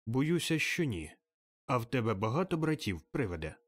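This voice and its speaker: A man voicing a humbled, timid old miser who speaks quietly and meekly. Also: mid-range voice, big pitch swings, moderate pace, dry recording. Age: older. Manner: quiet and meek.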